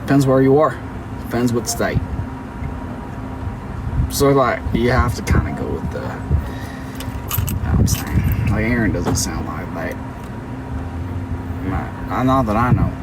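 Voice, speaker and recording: A Canadian livestream host chats playfully with viewers in a low, expressive, creaky voice, speaking slowly with long pauses. The mic is distant and street noise comes through.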